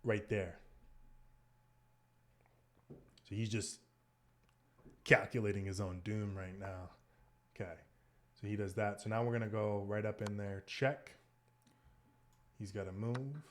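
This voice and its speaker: A man thinking aloud as he plays online chess, muttering moves and often dropping to a hushed near whisper. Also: lowish voice, steady tone, slow pace, pauses often. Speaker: chess streamer.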